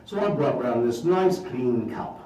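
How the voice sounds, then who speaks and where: A man's voice: mid-range voice, animated, unhurried, dark tone, highs cut off, close to an everyday voice. A man playing a jolly, bumbling Christmas wizard doing stage magic for a live audience, theatrical and chuckling. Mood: playful. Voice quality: theatrical, sing-song, chuckling. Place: stage in a hall. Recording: roomy hall, from far off.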